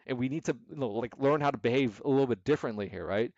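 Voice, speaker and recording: A man in the middle of his pitch range talks loosely about the markets as host. He rambles, restarts, and slips into the voices of jittery traders. The sound is dry and a bit dull, like a close home mic. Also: quick pace, a little mellow, dry recording. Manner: rambling, repetitive, restarts often, acts out quoted emotional traders. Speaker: investment club host. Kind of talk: casual livestream market commentary.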